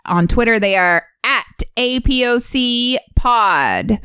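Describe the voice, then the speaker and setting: A woman's voice: on the high side, expressive, slow, bright, forceful tone, clear, resonant tone, no room sound, studio quality. Giggly woman podcast co-host. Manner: giggly, teasing, laughs often. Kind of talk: casual podcast chat.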